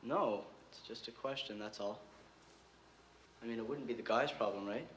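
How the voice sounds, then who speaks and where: An actor playing a nervous teenage boy who speaks quietly and evasively, on roomy old TV audio with faint hiss. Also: medium pitch, normal speed, natural voice.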